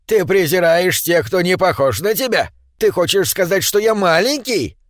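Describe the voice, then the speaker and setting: A man voicing a grumpy, touchy male gnome miner who takes offence quickly. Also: a little high, big pitch swings, no echo, studio quality. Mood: indignant. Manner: indignant, quick to take offence.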